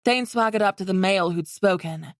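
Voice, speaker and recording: A woman reading a fantasy romance audiobook in steady scripted narration. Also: mid-range voice, fairly quick, no room sound, clean studio sound.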